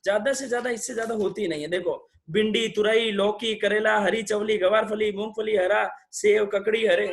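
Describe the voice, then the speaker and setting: High-voiced man quizzing an online class. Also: fairly even intonation. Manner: quizzes participants, brisk and coaxing; mixes in English phrases. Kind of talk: interactive online religious lesson. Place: video call session.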